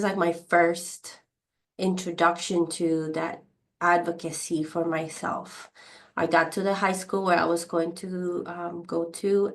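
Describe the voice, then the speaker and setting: Reflective woman, lowish voice. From Costa Rica. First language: Spanish. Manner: reflective, many pauses and fillers. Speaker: podcast guest. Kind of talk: casual interview storytelling.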